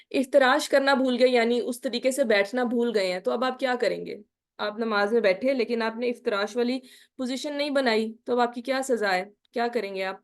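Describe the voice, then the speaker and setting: Woman, religion teacher, fairly high voice, asks questions, careful slow recitation. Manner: quizzing listeners with repeated "ٹھیک ہے؟" checks. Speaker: Islamic studies teacher. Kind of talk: online lecture on prayer.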